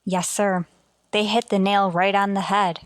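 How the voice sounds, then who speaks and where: Woman playing a careful respectful space crew officer, medium pitch, super dry sound, sci-fi radio play. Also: level tone, a little slow, no echo, natural voice. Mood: respectful, uneasy. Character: earnest, deferential female starship communications officer. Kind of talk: radio sci-fi drama acting.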